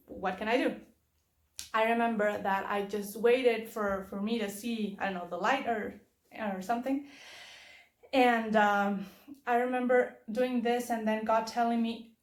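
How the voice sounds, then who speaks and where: A woman telling personal faith testimony in a casual, rambling way, full of restarts and asides. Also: on the high side. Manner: rambling storytelling with many restarts. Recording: roomy echo.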